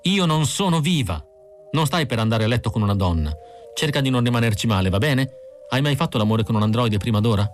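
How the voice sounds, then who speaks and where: A man's voice: lowish voice, expressive, fast, soft background music, close to an everyday voice. A man voicing a cool, weary young female android in an audiobook, with a raised, lighter voice. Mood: agitated. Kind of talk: audiobook character reading.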